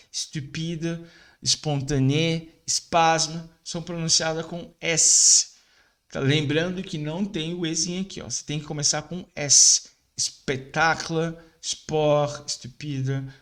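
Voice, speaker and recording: A man with a fairly high voice gives a casual video lesson on French pronunciation. He explains things informally and repeats French words slowly, over and over, so viewers can practice along. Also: fairly bright tone. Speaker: French teacher.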